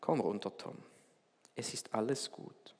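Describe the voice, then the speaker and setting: A man voicing a calm, gentle, fatherly king who speaks quietly and reassuringly. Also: mid-range voice, unhurried, lightly acted. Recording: long hall reverb.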